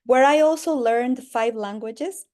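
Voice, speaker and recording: A woman diplomat in her forties who grew up in Mexico City, telling her story in an earnest, measured way as a guest. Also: sits high, darkish tone. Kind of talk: interview answers.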